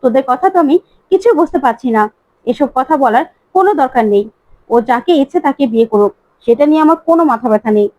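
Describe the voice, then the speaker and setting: A woman's voice: high-pitched, animated, quick pace, warm tone, dry recording, dull audio. A woman voicing a stern, hurt middle-aged mother scolding her grown daughter. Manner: scolding, bitter.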